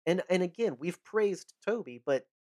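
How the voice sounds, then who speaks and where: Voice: medium pitch, animated, moderate pace, darkish tone, no room sound, clean studio sound. A podcast co-host in a casual movie chat, rambling and searching for words.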